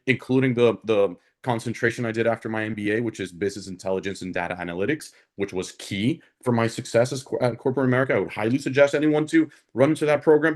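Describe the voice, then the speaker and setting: A man from Honduras, speaking as an alumnus guest on a panel in an earnest, conversational way that often checks in with the listener. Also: medium pitch. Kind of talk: conversational career talk on a panel.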